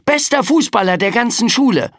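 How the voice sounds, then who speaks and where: A man's voice: very high voice, animated, fairly quick, a bit bright, no echo, clean studio sound, pitched above the performer's own voice. A man voicing a frightened young boy in an audiobook, blustering and boastful to hide his fear. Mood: defiant. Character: scared, defiant young boy. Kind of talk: audiobook character voice.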